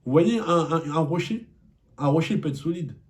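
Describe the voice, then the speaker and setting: A man's voice: fairly high pitch, lively intonation, moderate pace, darkish tone. Angry man ranting after a match. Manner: angry, repetitive rhetorical questions. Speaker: football vlogger. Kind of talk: post-match debrief rant.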